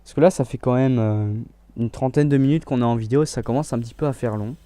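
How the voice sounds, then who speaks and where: A young man hosting a let's play, talking casually about his gameplay in a relaxed, chatty way and often restarting his sentences. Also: mid-range voice, quick pace, dry recording.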